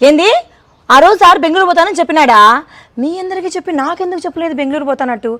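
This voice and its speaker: Woman, high voice, very fast, scolding, comic sketch. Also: a bit bright. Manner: fast, scolding, quick-tempered. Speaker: suspicious wife in a comedy skit.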